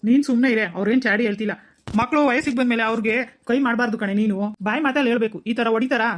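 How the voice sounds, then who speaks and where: Brief: rapid, reasoning cartoon father voiced by a woman, fairly high. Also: a little hiss or hum, lightly acted. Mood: lecturing. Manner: lecturing, reasoning. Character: calm scolding middle-aged father.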